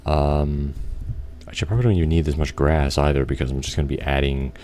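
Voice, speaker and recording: Very deep-voiced man rambling over gameplay. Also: steady tone, quick pace, warm tone. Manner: rambling, thinks aloud, frequent restarts and fillers; occasional casual swearing. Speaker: gameplay video creator. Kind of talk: casual gameplay commentary.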